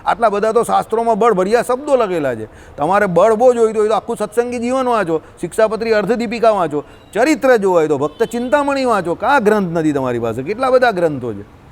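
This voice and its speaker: A man, teaching scripture in a scolding, colloquial way, full of rhetorical questions. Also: high-pitched. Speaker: religious teacher. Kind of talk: scriptural discourse.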